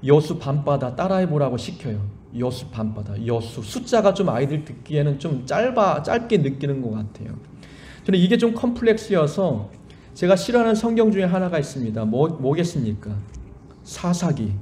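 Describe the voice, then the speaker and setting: A man's voice: on the high side, big pitch swings, moderate pace, dark tone, a little hiss or hum. A middle-aged man preaching a sermon as a pastor, earnest and emphatic, with a mild lisp that makes his s sounds slushy. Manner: earnest exhortation with personal anecdotes, emphatic rises and falling sentence endings.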